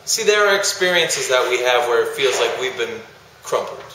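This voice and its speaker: A man's voice: mid-range voice, expressive, normal speed, noisy background. A man, a speaker to student groups, telling a story in a vlog monologue and acting out how his audience reacts. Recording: very echoey room.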